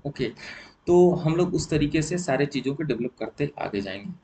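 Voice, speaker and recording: A man's voice: a little high, animated, moderate pace, mellow, slight background noise, low-quality recording. A man with an Indian accent teaching a spoken English course in a lesson, explaining step by step, switching between Hindi and English and repeating key points.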